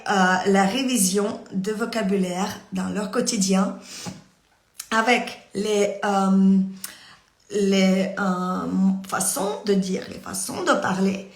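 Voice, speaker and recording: A woman teaching parents on a live stream, who talks in a halting way with many fillers and restarts. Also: mid-range voice, echoey room. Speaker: English teacher coaching parents.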